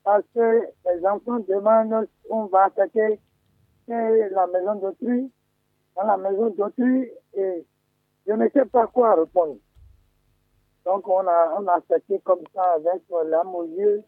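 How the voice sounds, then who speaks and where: A man calling in to a radio show by phone, slow and repetitive as he voices plaintive complaints. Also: sits high, fairly even intonation, no room sound. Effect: phone call line. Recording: tinny phone line.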